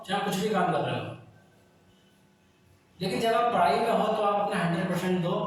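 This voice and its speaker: A man with a Hindi accent teaching a coaching-class math lesson, exhorting students and often checking "okay?". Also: high voice. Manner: exhorting, keeps asking students to answer, repeats "ठीक है?". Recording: echoey classroom, far from mic.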